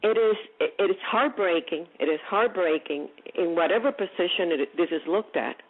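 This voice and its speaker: A woman's voice: lowish voice, moderate pace. A woman hosting a call-in radio show, asking probing questions in an emphatic way and often repeating herself. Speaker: radio host. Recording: narrow phone-like radio audio.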